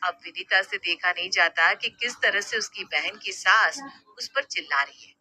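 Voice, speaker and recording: Bright, dry woman narrating a story. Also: mid-range voice, normal speed, husky, no room sound.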